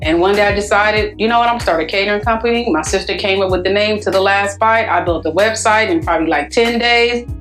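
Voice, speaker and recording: A woman's voice: medium pitch, fast, hardly any pauses, soft background music. A woman chef chatting casually and with humor about her cooking. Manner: chatty, warm-humored, fillers like "you know". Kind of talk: casual chat.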